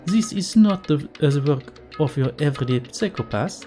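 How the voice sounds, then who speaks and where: Calculating young woman for a mystery game acted by a woman, French accent, measured delivery, music low behind. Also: lively intonation, mellow. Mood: cool, grave.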